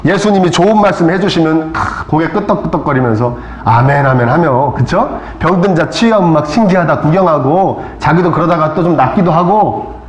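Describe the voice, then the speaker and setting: A male pastor preaching a sermon in a church, asking the congregation questions and calling for amens. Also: on the high side. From South Korea. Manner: preaching with rhetorical questions and calls of amen; acts out crowd voices and rebukes. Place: church sanctuary. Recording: echoey church hall.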